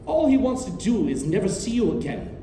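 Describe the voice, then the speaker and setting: A man's voice: sits high, sing-song, brisk, dark tone. A man playing a formal, controlling doctor and guardian in a stage play, genteel and authoritative. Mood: stern. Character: genteel, controlling doctor, uncle to orphan girl. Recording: distant, roomy stage recording, faint noise.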